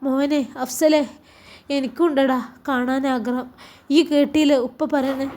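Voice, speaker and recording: A woman voicing a sorrowful elderly mother who pleads softly, in a Malappuram Malayalam accent. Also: high-pitched, flat delivery, a little slow. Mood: pleading.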